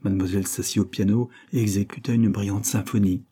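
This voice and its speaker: A man reads a classic novel aloud as a narrator, in a measured and even manner. His voice is low, dark and husky. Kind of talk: audiobook reading of a classic novel.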